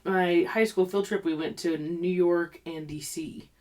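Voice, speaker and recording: A woman in her late thirties tells stories on a casual podcast with blunt, salty language. Her voice sits lower than most women's. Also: steady tone, a little slow, a little mellow. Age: 30s. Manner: blunt, swears freely, storytelling. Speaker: podcast co-host. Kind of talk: casual chat.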